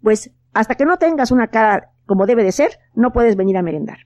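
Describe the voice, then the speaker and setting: A woman's voice: fairly high pitch, expressive, fairly quick, a little mellow, no room sound, lightly acted. A woman voicing a strict mother in a storybook, stern and firm. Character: strict mother scolding her son.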